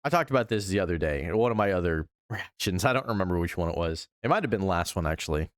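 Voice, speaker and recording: A man's voice: sits low, expressive, quick pace, no room sound, clean studio sound. A man giving casual, sweary reaction commentary as a streamer, with incredulous asides.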